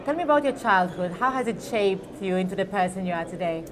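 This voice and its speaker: A woman's voice: mid-range voice, lively intonation, fast talker, background noise. A woman conducting an interview, asking polite, direct, prepared questions.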